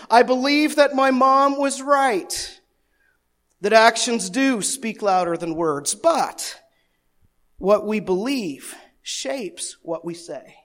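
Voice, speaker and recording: A man with a notably high voice leads a church service as its pastor. He prays softly and then preaches with energy, leaning hard on key words. He drops in playful jokes at his own expense. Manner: lively preaching, swinging between soft prayer and loud emphasis; playful asides and self-teasing humor. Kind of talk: sermon.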